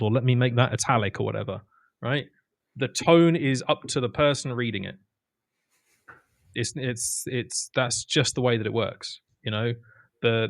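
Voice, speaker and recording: A man's voice: medium pitch, no echo. Guy cohosting a podcast, gets fired up and repeats himself, dry close sound. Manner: emphatic, repeats words and restarts when worked up. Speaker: podcast co-host. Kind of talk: casual podcast chat.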